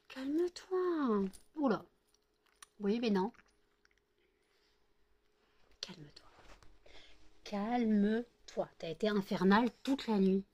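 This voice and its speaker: A woman talks casually to her vlog viewers, tired after working through the night. She rambles and circles back over the same points. Her pitch sits in an ordinary middle range for a woman. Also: a little mellow. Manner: rambling, chatty, repeats herself. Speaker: vlogger making scented wax melts.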